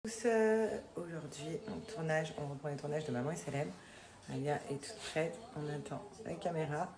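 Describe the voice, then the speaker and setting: A woman's voice: low voice, normal speed, reverberant, crowd noise. A young woman chatting casually through a vlog as a mother, with many fillers and coos to her baby. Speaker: vlogger and mother. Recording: noisy background ambience.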